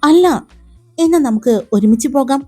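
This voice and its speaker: A woman's voice: high voice, moderate pace, warm tone, soft background music, natural voice. A woman reading the part of a teasing, protective young man in a romance story, playful and commanding.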